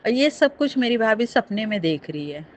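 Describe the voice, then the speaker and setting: A woman's voice: on the high side, big pitch swings, moderate pace, a little hiss or hum. A middle-aged woman earnestly telling a devotional testimony, speaking straight to her listeners. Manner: earnest, addresses listeners directly. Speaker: satsang storyteller. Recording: dull lo-fi recording.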